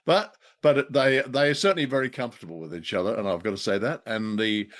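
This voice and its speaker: Talking fast with lively intonation, this radio co-host has a fairly low-pitched voice. He's jokey and wry in casual chat about old radio drama, though his delivery is rambling and hesitant.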